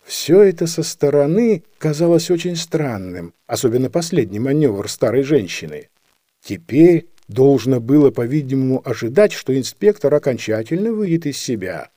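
Guy reading an old story out loud, lively up and down, dry close sound. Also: medium pitch, moderate pace, no room sound. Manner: expressive storytelling. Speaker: audiobook reader. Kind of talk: scripted narration.

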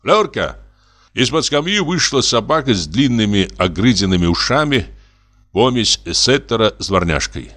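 A man's voice: on the low side, lively intonation, normal speed, fairly bright tone. A man narrating a classic story as an audiobook, telling it expressively. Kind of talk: literary narration.

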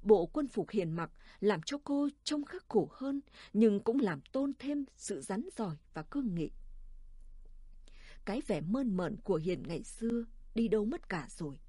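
Mellow-voiced woman narrating a story. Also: mid-range voice, animated, a little slow, no echo, studio quality.

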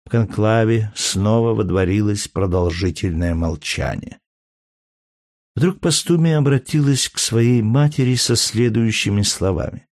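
A man narrating an audiobook in a measured, steady storytelling manner. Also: on the low side, dry recording, clean studio sound. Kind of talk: scripted narration.

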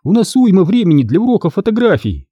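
A man voicing a high, exclaiming aunt. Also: sing-song, fast talker, husky, dry recording, muffled recording, full character voice. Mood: fond. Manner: exclaiming, scolding. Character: cheerful middle-aged aunt, fussy and warm.

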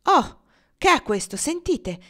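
Woman voicing a cunning enslaved woman, icy, mocking, calm, quiet, storybook reading. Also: medium pitch, moderate pace, close to an everyday voice. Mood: sly taunting.

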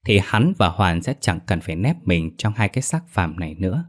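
A man narrating a horror story in a steady, dramatic reading. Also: low-pitched, fairly quick.

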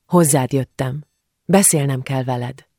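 A woman voicing a brisk, decisive older aunt who speaks firmly and matter-of-factly in an audiobook. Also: a bass voice, mellow, dry recording, clean studio sound. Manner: firm, matter-of-fact. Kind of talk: audiobook character voice.

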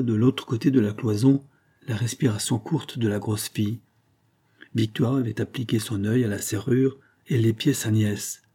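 A man narrating a classic novel as an audiobook in a steady, even storytelling delivery. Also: fairly low pitch, breathy edge.

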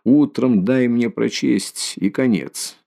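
A man's voice: medium pitch, slow pace, vocal fry, mellow, pitched above the performer's own voice. A man voicing a feverish, exhausted young man who speaks in strained, curt insistence.

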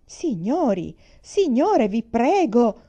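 A woman voicing a flustered male store director who shouts in shrill panic, read aloud as part of a story. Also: very animated, slow pace, husky, heavily acted. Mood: panicked.

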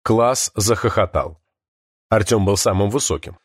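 A man's voice: lowish voice, a little slow, husky, no room sound, clean studio sound. A man reading an audiobook in a storytelling manner. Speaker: audiobook narrator. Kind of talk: scripted narration.

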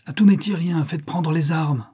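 Fierce queen Athalie from a storybook, played by a schoolgirl who puts on a big, commanding voice, as a male reader acts her out. The delivery is raised and emphatic, slow and heavy, with a dark, husky grain under it. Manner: deliberately deepened, commanding voice.

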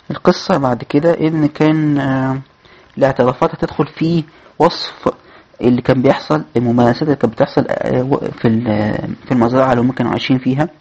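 Husky Egyptian man reading aloud. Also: medium pitch, a little mellow, dull audio. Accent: Egyptian Arabic. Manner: reads quoted passages with raised voice, then chats with many hesitations. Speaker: podcast host. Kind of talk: reading a book aloud with casual commentary.

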